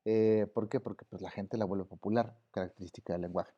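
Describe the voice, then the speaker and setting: Mexican male teacher, mellow voice. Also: on the low side, fairly even intonation, brisk. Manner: casual, many fillers like "este". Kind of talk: online class lecture. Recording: slightly dull audio.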